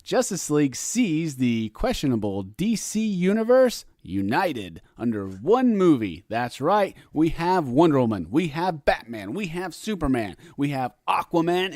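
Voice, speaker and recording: A man co-hosting a podcast, chatting casually about movies in an animated, goofy way. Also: on the high side, no room sound, studio quality. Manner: animated, goofy, sings and does voices. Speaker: podcast co-host.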